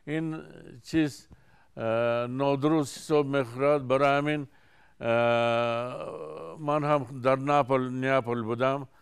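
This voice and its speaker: A Tajik-accented man in his seventies, a singer from Tajikistan, telling stories in an unhurried way with frequent restarts during an interview. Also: mid-range voice, fairly even intonation, clear, resonant tone. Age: 70s.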